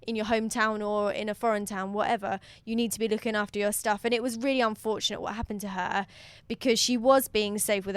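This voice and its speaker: A woman's voice: mid-range voice, smooth, no room sound. A woman co-hosting a podcast, talking in a casual, informal and chatty way. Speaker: podcast co-host and quiz master.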